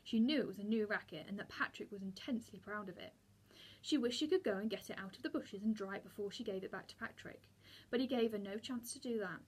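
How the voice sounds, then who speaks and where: A woman, a teacher, reading a children's book aloud with steady narration and small slips. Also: mid-range voice, fast, breathy edge.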